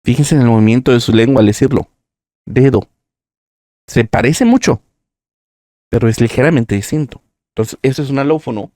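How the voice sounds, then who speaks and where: A man's voice: mid-range voice, a little fast, dark tone, dry recording, clean studio sound. A man teaching a live-streamed language lesson, explaining pronunciation patiently and step by step. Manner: explanatory, talks through examples step by step.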